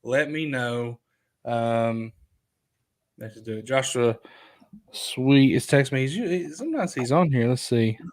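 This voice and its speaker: A talkative man hosting a live show, chatting loosely at a middling pitch. He reads comments aloud and hops from one topic to the next in an unscripted, everyday way. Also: lively intonation, measured pace, pauses often. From Kentucky. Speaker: livestream host. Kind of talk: casual live chat.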